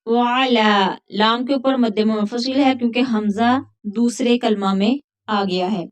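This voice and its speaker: A woman teaching a tajweed lesson, patiently explaining each rule and then chanting the verses slowly. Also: a little high, fairly even intonation. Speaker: Quran recitation teacher.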